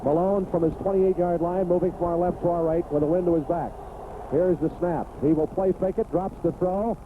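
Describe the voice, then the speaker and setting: The live football commentary comes from a high-voiced American man speaking at normal speed, using short, clipped phrases that rise into excited calls. It's a tinny 1980s radio broadcast with clearly audible noise in the background.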